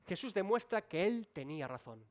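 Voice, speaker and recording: A male pastor delivers a sermon in a fairly high voice. His pitch swings widely, rising and falling as he presses his points. He speaks directly to the congregation. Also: big pitch swings, moderate pace. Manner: emphatic preaching with sweeping rises and drops. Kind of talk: expository sermon. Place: church.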